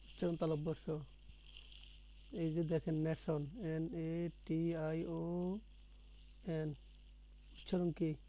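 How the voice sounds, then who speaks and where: A man's voice: fairly high pitch, little pitch movement, takes it slowly, pauses often, mellow, rough recording. A man teaching a one-on-one spoken English lesson, patiently repeating words and quizzing his student.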